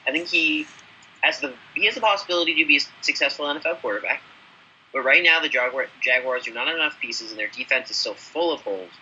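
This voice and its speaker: A man on a sports podcast panel who talks rapidly with a very bright tone. He gives quick, matter-of-fact analysis, heard a little off-mic on a dull recording with faint hiss. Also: on the high side, animated. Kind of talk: casual sports podcast chat.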